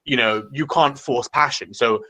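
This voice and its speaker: A man on a startup panel answers in a structured way, working through his points in turn. His voice is bright and forward. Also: mid-range voice, a little slow, low-quality recording.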